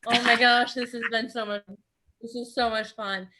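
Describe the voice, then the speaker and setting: A woman's voice: fairly high pitch, level tone, moderate pace, background noise. An American woman from Nebraska doing a bubbly, giggly stand-up set. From United States, Nebraska. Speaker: stand-up comedian.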